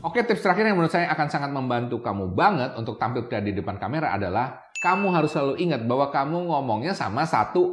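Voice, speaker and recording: A man giving casual tips to camera as a YouTube presenter, chatty, often checking in with "ya kan?" and mixing in English words. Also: medium pitch. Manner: mixes English words into his talk. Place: room with a camera operator. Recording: echoey room.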